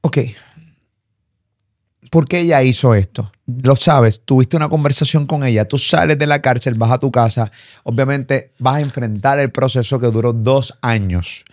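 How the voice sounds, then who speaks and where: A man's voice: medium pitch, normal speed, darkish tone. A male interview host, asking direct, pressing questions and summing up answers.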